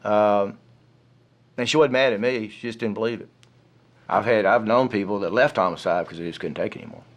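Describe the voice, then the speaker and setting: A man's voice: on the low side, a little fast, dull audio. A man who worked as a homicide detective explaining his work in a plain, matter-of-fact way, often repeating words. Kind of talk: interview.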